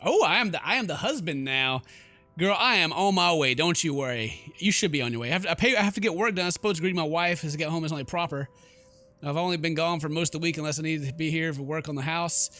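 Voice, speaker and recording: A gaming YouTuber delivers goofy, slangy let's play commentary, reading game text aloud with theatrical exclamations. His voice is a little high, fast and sharp-toned, with faint music behind him.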